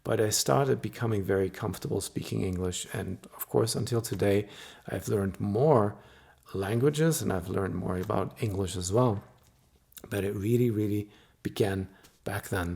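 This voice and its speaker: Speaking solo to camera, this middle-aged man explains things calmly and with soft persuasion, as a hypnotist would; German is his first language. The voice is lowish, husky, and gravelly.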